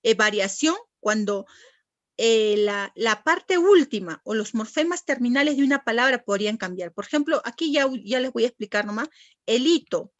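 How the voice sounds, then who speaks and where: Woman teacher, high voice, patient lecture style, dull lo-fi sound. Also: animated, normal speed, dry recording. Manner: patient, asks the class questions and answers them herself. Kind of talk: classroom lecture. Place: classroom.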